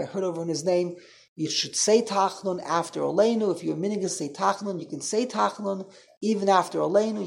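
A man teaching an informal Torah class as a rabbi, talking in an animated way and repeating himself. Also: high-pitched, creaky. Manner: animated, repetitive, mixes Hebrew and Yiddish terms.

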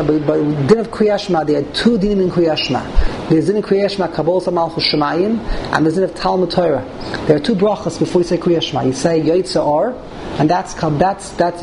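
A man teaching an informal Talmud class as a rabbi, repeating and rephrasing as he explains phrase by phrase. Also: high-pitched. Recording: clearly noisy room recording.

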